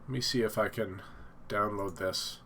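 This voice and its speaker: Stuffy-nosed guy chatting on his home stream, loose and rambly, lotta ums, soft room hiss. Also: on the low side, steady tone, moderate pace. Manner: rambling, thinking aloud with fillers and restarts. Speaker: live stream host. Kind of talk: casual live-stream chat. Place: home office.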